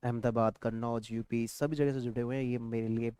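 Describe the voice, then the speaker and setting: A man's voice: mid-range voice, level tone, fairly quick, dark tone, smooth, dry recording. A man with an Indian accent teaching a live spoken English lesson, switching between Hindi and English, repeating example phrases and reading out viewers' comments.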